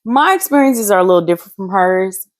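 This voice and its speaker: A woman co-hosting a laid-back talk show, chatting in a playful, animated way. Her pitch sits in the middle but rises and falls widely from line to line, and she stretches words out for effect. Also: fast talker. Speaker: podcast co-host. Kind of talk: casual chat.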